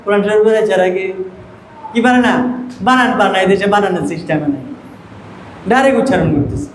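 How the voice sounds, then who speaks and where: A man's voice: sits high, expressive, quick pace, roomy sound, a little hiss or hum, poor audio. A man training teachers in Quran reading, asking the class questions and answering them himself as he drills syllables.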